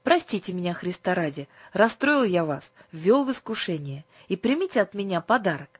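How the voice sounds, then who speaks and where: A woman's voice: fairly low pitch, big pitch swings, moderate pace, slightly rough, no echo. Woman voicing an earnest young bookseller. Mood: kindly. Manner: gently preachy, instructive. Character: earnest young male seminary student bookseller.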